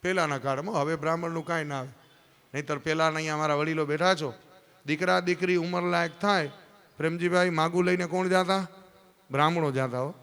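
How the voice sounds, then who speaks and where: Give me a man telling a sacred story live, a little high-pitched, in a big reverberant hall. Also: quick pace, clear, resonant tone. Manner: lively, shifts into character voices, addresses audience directly. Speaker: scripture storyteller. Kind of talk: devotional storytelling sermon. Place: large hall at a live religious event.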